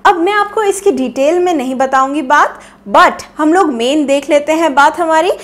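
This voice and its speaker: A woman's voice: sits high, moderate pace. A young woman from India with an Indian English accent, teaching an English pronunciation lesson in a playful, chatty way full of rhetorical questions. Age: young adult. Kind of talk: online English lesson in Hindi and English.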